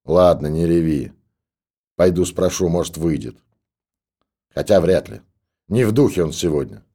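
Male narrator as a gruff, scolding stoker with a low, dark voice. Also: animated, measured pace. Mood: grumbling. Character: gruff old stoker in a monastery.

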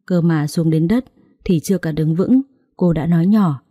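A woman narrating a story in a smooth, expressive reading. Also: fairly low pitch, normal speed, no room sound, lo-fi sound.

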